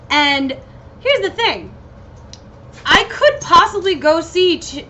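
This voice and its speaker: A high, bright-voiced American woman chats loosely on her solo podcast. She is giggly, scattered and a little loopy, swearing freely as she wanders between thoughts. The recording is muffled and lo-fi, like a home setup. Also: slight background noise. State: slightly loopy on painkillers. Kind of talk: casual rambling solo chat with swearing.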